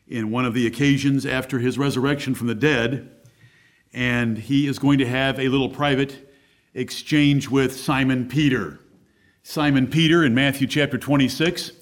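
A man preaching a sermon as pastor at a pulpit microphone, emphatic and blunt. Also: medium pitch.

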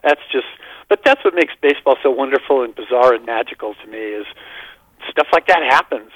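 A man's voice: mid-range voice, expressive, fairly quick, a bit bright, dry recording. An older man, a radio guest, telling baseball memories in an enthusiastic, rambling way over the phone. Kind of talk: casual radio chat. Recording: dull, lo-fi phone line.

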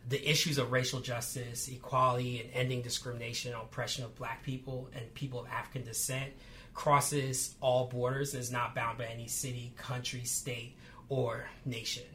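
A man hosting a podcast interview, giving measured, formal introductions and asking questions. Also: medium pitch, level tone, fairly bright tone, a little hiss or hum. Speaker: podcast host.

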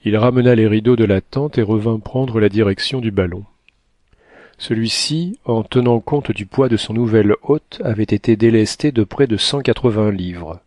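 A man narrating an adventure novel as a scripted audiobook, reading in a steady, measured way. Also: lowish voice, no echo.

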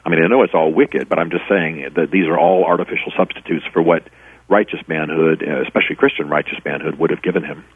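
A man's voice: rumbling low, steady tone, fast talker, slightly rough, no echo. A middle-aged man, an author and former pastor, telling stories earnestly in a radio interview with many restarts. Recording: tinny phone line, dry.

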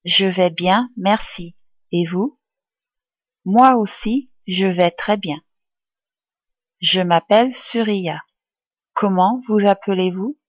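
A woman tutor reading useful phrases aloud for learners, enunciating each one clearly and deliberately. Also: mid-range voice, no echo, dull audio. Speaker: language tutor.

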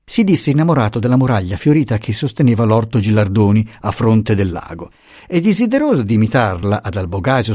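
A man narrating a classic novel as an audiobook, measured and expressive, recorded close on a studio mic. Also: on the low side, slightly rough, dry recording.

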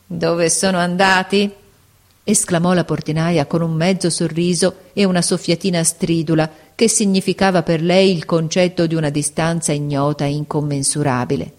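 Low-voiced woman reading a novel. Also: flat delivery, moderate pace, hardly any pauses, darkish tone. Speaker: audiobook reader. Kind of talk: scripted narration of a novel.

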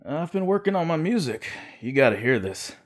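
A man doing a husky, spacey stoner guy. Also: on the high side, big pitch swings, normal speed, voice pushed up. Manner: drowsy, dazed, rambling. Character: stoned young male artist, slow and spacey. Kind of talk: audiobook character voice.

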